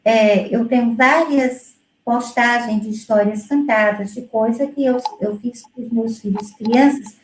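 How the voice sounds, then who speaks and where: A middle-aged woman, a music educator, talking through her work in a relaxed, explanatory way with many fillers and restarts. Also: fairly high pitch, unhurried, roomy sound, slight background noise, poor audio. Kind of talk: conversational presentation.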